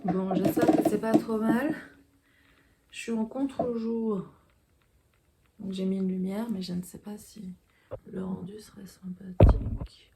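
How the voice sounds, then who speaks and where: A woman's voice: mid-range voice, fairly even intonation, measured pace, pauses often, noisy background. A young woman vlogging at home, chatting casually and talking between bites of a sandwich. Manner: chatty, talks while chewing a sandwich. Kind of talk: casual chat while eating. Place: home room, backlit.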